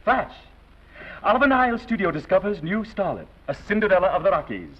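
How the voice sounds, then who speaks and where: A breathless gossip announcer. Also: male voice, sits high, very animated, fairly quick, a bit bright, heavily acted. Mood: gushing. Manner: breathless, gushing. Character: gushing radio gossip announcer. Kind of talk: 1930s film acting. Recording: dull 1930s film soundtrack.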